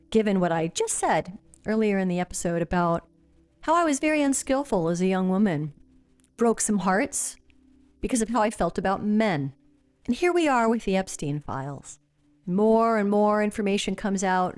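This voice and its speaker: A woman speaks alone on her podcast, blunt and openly angry, swearing freely and leaning on fillers as she goes. Her pitch and pace are those of an ordinary woman's voice. Faint music sits under her talk. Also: a little mellow. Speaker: podcast host. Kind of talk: casual solo commentary.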